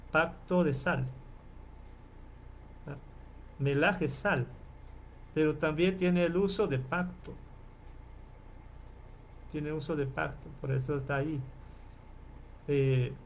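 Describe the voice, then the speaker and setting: A man lecturing as a professor in an online class, explaining and repeating terms slowly and checking in with his listeners often. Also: fairly high pitch, a little hiss or hum. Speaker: Bible professor.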